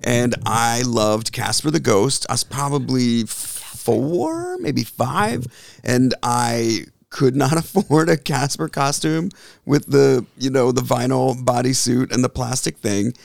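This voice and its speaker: A man with a gravelly, creaky voice at a middling pitch chats as a guest. He tells stories wryly, and the sound is dry and close. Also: lively intonation, slow pace, no echo. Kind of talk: casual chat.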